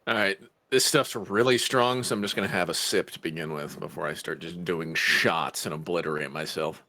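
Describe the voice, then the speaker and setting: A man's voice: sits low, moderate pace, bright, forceful tone. An American man talking casually as a stream guest while putting on a fake Irish accent. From United States. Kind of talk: casual chat.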